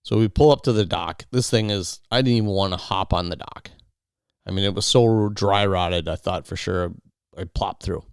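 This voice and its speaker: Podcast guy telling his wilderness story, kinda rambly, repeats himself, low smooth voice. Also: no room sound, clean studio sound. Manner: rambling, repeats and restarts words, quotes others in his own voice. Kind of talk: casual storytelling.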